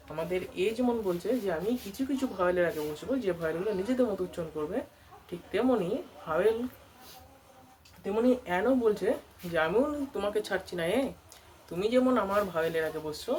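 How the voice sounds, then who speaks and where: Heard through a distant mic with faint background noise, this English tutor, who runs her own coaching centre, leads a grammar lesson. She keeps posing questions to her students and supplying the answers herself. Her voice is mid-range and darkish.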